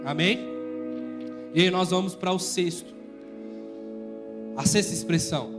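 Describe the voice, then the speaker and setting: A man with a high, bright voice preaches to a congregation in a church, lively and direct, prompting them to repeat words and shout aloud. Faint music plays softly behind him. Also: a little slow. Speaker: pastor. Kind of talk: sermon. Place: church hall with live congregation.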